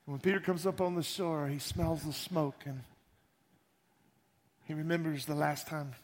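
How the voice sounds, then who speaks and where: A man preaching a sermon, retelling a story in an animated, conversational way. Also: a little high, measured pace.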